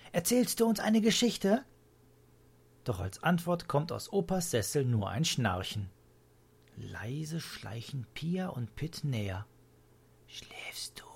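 Male storybook reader, slow, husky, very lively melody. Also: mid-range voice. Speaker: narrator. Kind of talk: storybook reading.

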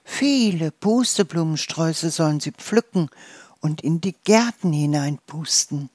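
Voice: mid-range voice, lively intonation, a little slow, darkish tone, no echo, studio quality. A storyteller voicing a kind dream fairy in a children's story. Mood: friendly.

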